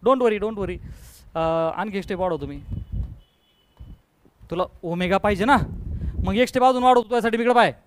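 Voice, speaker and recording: A male physics teacher, lecturing a class and coaxing his students with quick questions. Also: high voice, a little hiss or hum.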